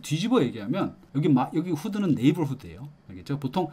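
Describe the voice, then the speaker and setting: A man's voice: a little high, fast talker, breathy edge. A middle-aged man giving an exam-prep lecture, coaxing and explaining, often asking "got it?". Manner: lively, coaxing, checks in with "알겠죠?". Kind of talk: explanatory lecture with questions to students.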